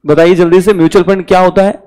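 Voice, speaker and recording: A man in his thirties with an Indian accent tutors commerce exams in a casual live online lecture, chatty and teasing, mixing Hindi and English while getting over a mild fever and a recovering throat. His high, darkish voice is delivered flat and fast, in a low-quality recording.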